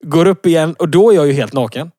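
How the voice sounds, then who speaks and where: A man's voice: fairly high pitch, dark tone, no echo, studio quality. Rambling Swedish podcast storyteller man. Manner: rambling storyteller, many fillers, laughs at own story. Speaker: podcast co-host. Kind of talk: casual chat, telling an anecdote.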